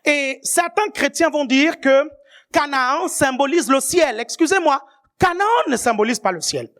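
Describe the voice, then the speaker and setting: A woman preaching a sermon with emphasis, often asking the congregation whether they are still following her and rising to shouted high points. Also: animated, unhurried.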